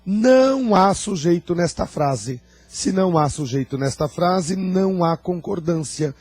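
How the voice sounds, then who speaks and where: Brazilian guy teaching grammar, kinda high voice, dry teasing, faint music behind. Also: expressive, unhurried, darkish tone, dry recording. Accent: Brazilian Portuguese. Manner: dry, teasing, asks students questions. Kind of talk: classroom grammar lecture for exam prep.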